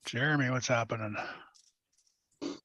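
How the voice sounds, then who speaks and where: A man hosting a casual group video chat about RC hobbies, greeting people in a relaxed, friendly way. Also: mid-range voice, moderate pace. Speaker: host of an online RC hobby chat. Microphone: video call.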